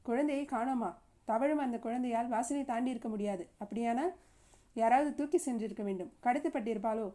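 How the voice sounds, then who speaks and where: Storybook reading: woman voicing a young mother, anxious and urgent, higher mellow voice. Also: brisk, close to an everyday voice. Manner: urgent, worried questions. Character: anxious young mother searching for her baby.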